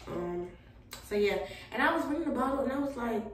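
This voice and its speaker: A woman's voice: on the high side, lively intonation, fairly quick, distant mic, slight background noise. Tired young woman chatting in an echoey bathroom. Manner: laid-back, chatty, Southern US slang. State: tired and a bit out of breath. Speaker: vlogger. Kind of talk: casual chat to camera.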